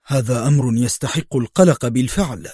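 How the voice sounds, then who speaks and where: A man's voice: mid-range voice, brisk, warm tone, breathy edge, no echo, clean studio sound, close to an everyday voice. A man reading as a stern intelligence chief. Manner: firm, commanding. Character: stern middle-aged male intelligence director.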